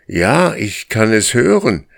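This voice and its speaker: A man's voice: lowish voice, very animated, extremely slow, vocal fry, no echo, studio quality, pitched above the performer's own voice, exaggerated voice. A man voicing a male dog who answers his friend eagerly in a raised voice.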